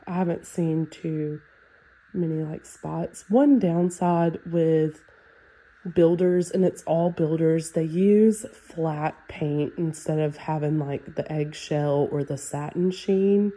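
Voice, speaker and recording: A real estate agent with a low voice talks slowly as she casually walks through a house on a home tour. A sinus infection makes her sound stuffy, nasal, and congested. She's relaxed and chatty, using fillers like "um" and "like."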